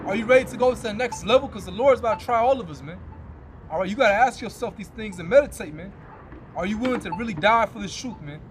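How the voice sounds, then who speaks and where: A man reading scripture aloud slowly and then preaching in casual slang, calling his listeners "man" again and again, outdoors near traffic. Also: sits high. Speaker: street preacher. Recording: loud street and car noise.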